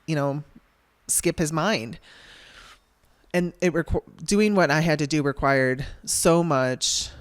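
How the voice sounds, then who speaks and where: A woman's voice: sits low, dry recording. A woman podcast host telling a personal story in a candid, wry way, laughing through frustration and acting out the people she quotes.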